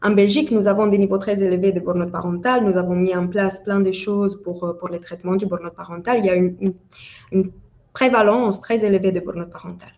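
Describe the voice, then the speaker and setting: A woman's voice: medium pitch, steady tone, brisk, darkish tone, lo-fi sound. A woman from Italy who speaks French with an Italian accent, explaining research as an expert in a webinar, with frequent restarts and hesitations. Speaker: parental burnout researcher.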